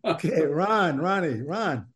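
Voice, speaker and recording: An older man hosting a group call, briskly calling on each guest by name. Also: a little high, lively intonation, a bit bright. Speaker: host. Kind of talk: hosting a video call introduction round.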